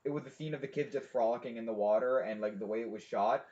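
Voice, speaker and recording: A man's voice: mid-range voice, fast talker, darkish tone. A young man co-hosting a podcast in casual chat, teasing his friends with crude jokes. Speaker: podcast co-host. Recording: dull lo-fi sound.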